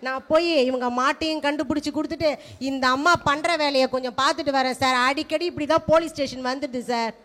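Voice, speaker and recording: Woman acting pregnant policewoman, firm, brisk, high voice. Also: fairly even intonation, fairly bright tone. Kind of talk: amateur stage role play.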